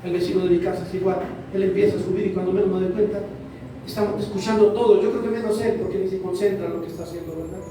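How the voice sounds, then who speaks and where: Speaking rapid-fire, a pastor preaches in a church hall, repeating phrases to his congregation for emphasis. His voice is high-pitched with fairly even intonation. Heard from a distance, the very echoey recording has a noisy background.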